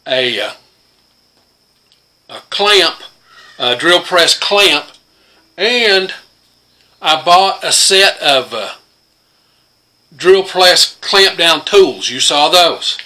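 With a sharp tone and a voice on the high side, an older man gives a casual demonstration of his tools in his home workshop. He's a homesteader host who rambles plainly with lots of fillers, and a phone camera by the workbench records him.

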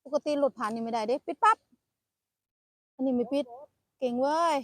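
A woman's voice: sits high, moderate pace, no echo. An older woman from northeast Thailand with an Isan accent, chatting casually by a roadside while foraging and talking to her grandchild. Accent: Isan Thai. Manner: chatty, laughs often, talks to grandchild. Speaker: vlogger. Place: roadside outdoors. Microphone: phone camera.

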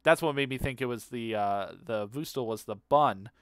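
A man's voice: medium pitch, moderate pace, a bit bright, clean tone, no echo, clean studio sound. A man chatting casually while he streams a game, rambling, laughing easily and humming to himself. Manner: rambling and easily amused, repeats words aloud, hums to himself.

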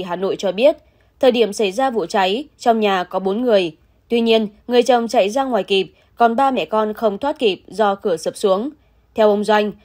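A woman reading a scripted news report in an even, measured way. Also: medium pitch. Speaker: news narrator.

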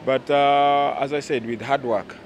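On an outdoor terrace beside a pool, a Ugandan-accented man in his thirties, goalkeeper and captain of the national side, answers a casual interviewer through a handheld mic. He speaks unhurriedly in a steady, mid-range voice, hesitating often and using lots of fillers. There's slight background noise, with outdoor ambience behind his voice.

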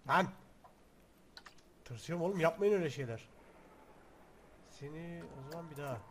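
A young man giving casual let's-play commentary, excitable and chatty, talking to the game's objects with mock threats and sudden shouts. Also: fairly high pitch, normal speed, a little hiss or hum. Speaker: gaming video host.

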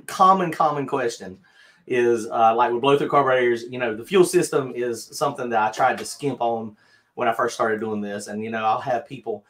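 A middle-aged man with a North Carolina Southern accent hosts a livestream from his home craft studio indoors, his mid-range voice a bit bright. He chats casually and rambles, self-deprecating, full of fillers and restarts.

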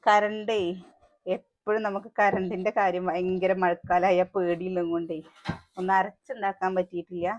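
This family vlogger, a mother with a Malayali accent, has a lowish, flat voice at a moderate pace, and the audio sounds dull. She narrates casually to the camera from her home kitchen, cooking breakfast and calling to her children.

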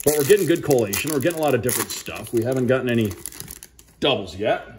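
Amid background noise, a man with a medium-pitched voice talks fast. He's a radio sports play-by-play broadcaster offering casual, upbeat commentary on an unboxing and reading names out to viewers like he's on the air.

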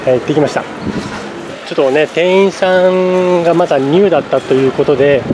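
A travel vlogger with a fairly high, brisk voice narrates casually as he walks around a city and eats, thinking aloud with lots of fillers. He's outdoors on city streets and in a cafe, and the camera mic picks up street noise behind him.

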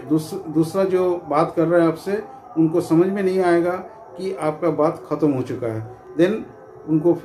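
A middle-aged man who presents security training videos talks informally to the camera, his fairly high voice soft-edged in tone. He explains points repetitively, leaning on frequent filler phrases. He's in a small indoor room with curtains, and the recording is echoey with faint background noise.

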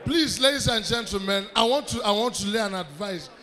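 A man loud high-voiced stand-up comic with a Nigerian accent. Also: lively intonation, fairly quick. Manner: loud, commanding crowd work. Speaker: stand-up comedian. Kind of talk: stand-up comedy. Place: comedy club stage with live audience. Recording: live crowd, faint background noise.

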